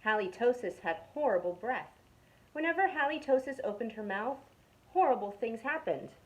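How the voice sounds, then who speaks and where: A young woman telling a children's story from a youth club. Her reading is expressive and storybook-paced. At suspenseful moments she sinks into a hushed whisper. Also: a little high, moderate pace, poor audio. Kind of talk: reading a picture book aloud to children.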